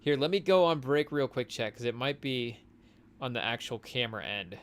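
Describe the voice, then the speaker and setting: A man's voice: mid-range voice, moderate pace, clean tone. A young man co-hosting a podcast, talking basketball in a loose, rambling way with lots of fillers and asides to a live chat. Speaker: podcast co-host. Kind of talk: casual sports talk to a live chat. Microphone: studio mic on a live stream.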